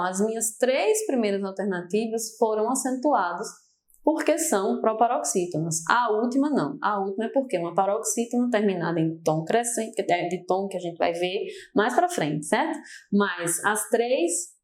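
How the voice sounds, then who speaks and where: A woman's voice: mid-range voice, a little mellow. A young adult woman with a Brazilian accent teaching a grammar lesson for exam prep, explaining step by step and often turning to her students. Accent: Brazilian Portuguese.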